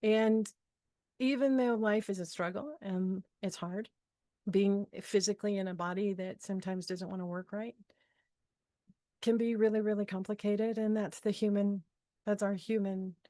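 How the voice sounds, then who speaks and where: A middle-aged woman speaking as a spiritual guide, telling personal stories in an expressive, upbeat way, laughing often and acting out the people she quotes. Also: mid-range voice, a little slow, no echo, clean studio sound. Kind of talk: animated personal storytelling talk.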